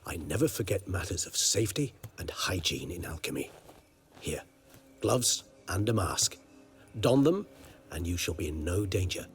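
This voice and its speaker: A man's voice: low voice, sing-song, normal speed. An actor playing a refined, ancient male vampire who speaks in dry, ornate, lightly sarcastic phrases, in video game dialogue. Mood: genteel. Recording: game audio with music underneath.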